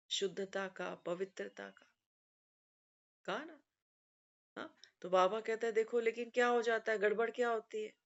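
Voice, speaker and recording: A woman giving a devotional talk in a storytelling way, often quoting teachings and adding conversational asides. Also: mid-range voice. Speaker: spiritual speaker. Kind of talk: devotional discourse. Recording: muffled lo-fi recording.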